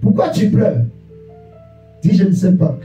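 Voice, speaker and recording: A man preaching a fervent sermon to a congregation, repeating rhetorical questions and bursting into shouts. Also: sits high, lively intonation, unhurried, muffled recording. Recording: echoey church room, distant mic, faint guitar.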